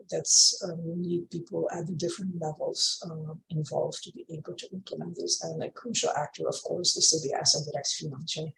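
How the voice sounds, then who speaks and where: A woman's voice: sits low, gravelly. A woman with an Aruban accent explaining informally in an online session, mixing Dutch terms into her English. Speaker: panel speaker from Aruba. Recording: echoey room with faint noise.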